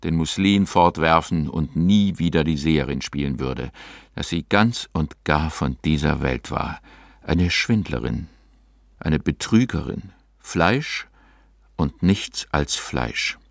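A man narrating a story as a scripted audiobook reading, measured and expressive, close to the mic. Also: a bass voice, creaky, dry recording.

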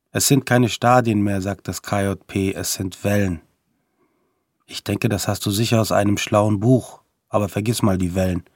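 A man reading a first-person story aloud in gritty, slangy street talk, with a husky voice. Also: on the low side, no room sound, studio quality. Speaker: narrator.

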